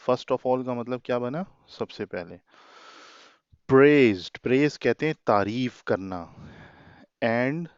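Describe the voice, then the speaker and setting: Low-voiced male teacher explaining text. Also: clear, resonant tone, dry recording, highs cut off. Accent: Pakistani. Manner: explains word by word, mixing English into Urdu; slows down and stresses words when reading English lines. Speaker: English teacher. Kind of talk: classroom lesson explaining a text.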